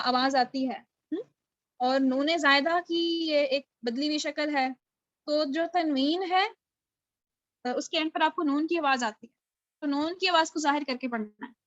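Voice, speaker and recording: During an online lesson by video call, a woman whose voice sits high leads a Quran recitation class. There is no room sound and the highs are cut off. She is patient in her explanations, questions the students, and commends their replies.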